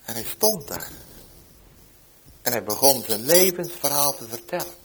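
A man preaching, telling a story from his ministry with emphatic swings between loud declarations and hushed tones. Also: medium pitch, animated, measured pace, slight background noise, poor audio. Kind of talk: sermon anecdote.

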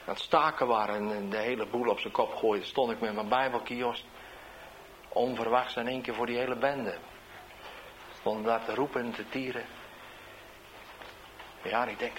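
A man, a street evangelist, tells a testimony in an animated storytelling way, swinging between loud bursts and hushed asides. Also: mid-range voice, a little hiss or hum, rough recording.

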